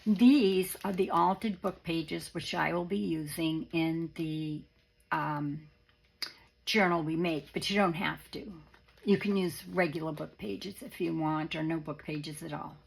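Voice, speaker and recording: Female craft vlogger: lowish, gravelly, raspy failing voice, informal and rambling, slight background noise. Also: a little slow, low-quality recording. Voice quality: raspy, worn voice. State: voice starting to go after illness. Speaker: craft video presenter. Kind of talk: casual show-and-tell of a handmade journal.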